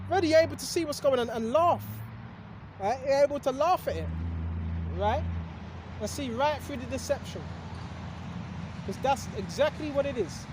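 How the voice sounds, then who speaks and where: This man's voice is extremely high-pitched, with noise in the background, as he hosts a religious video and preaches casually and ramblingly. He poses rhetorical questions, says "right?" again and again, and has the hiccups.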